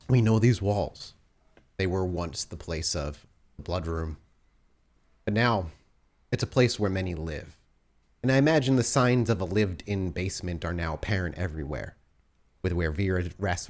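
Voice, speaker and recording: With a low, slightly mellow voice, a game master leads a tabletop session, delivering his narration with deliberate, cinematic drama.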